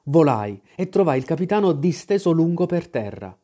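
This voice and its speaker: A man narrating an adventure story with dramatic storytelling flair. His pitch moves in lively arcs across each sentence. The voice is dark and mellow, sitting a bit high for a man. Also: normal speed. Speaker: audiobook reader. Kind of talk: scripted narration.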